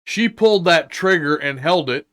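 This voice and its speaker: An older man giving an unscripted, indignant opinion rant, halting and deliberate, with long pauses and emphatic repetition. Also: on the high side, expressive, fairly bright tone. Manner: indignant, emphatic, repeating phrases. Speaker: vlogger giving his opinion.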